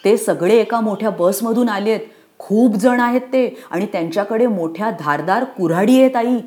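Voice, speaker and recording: A woman voicing a brave young village girl on crutches, in a storybook reading, speaking in a high, urgent and pleading way. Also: moderate pace, dark tone, close to an everyday voice. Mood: frightened.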